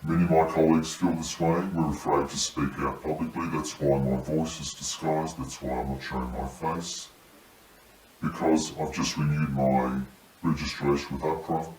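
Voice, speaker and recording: A man giving serious testimony as a paramedic whistleblower in measured, halting phrases, his voice electronically disguised to sound deep. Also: little pitch movement, a little mellow. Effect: disguised deep voice, electronically lowered. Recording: roomy echo, distant mic, faint noise.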